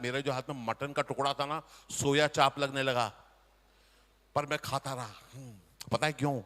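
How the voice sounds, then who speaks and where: Animated man telling a comic story live. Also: mid-range voice. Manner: animated, addresses and teases the audience. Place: community hall before an audience. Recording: long reverb of a community hall.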